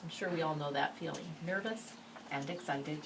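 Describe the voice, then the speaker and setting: Her low voice moves at a moderate pace as she performs a children's picture book, dramatizing the dialogue and adding quick side comments. The recording picks her up from a distance, with noise in the background.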